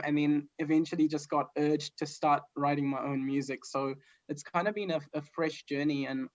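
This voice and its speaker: A male guest musician from New Zealand chatting casually, relaxed and rambling with many fillers. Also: a little high. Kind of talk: casual chat. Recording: dull lo-fi sound.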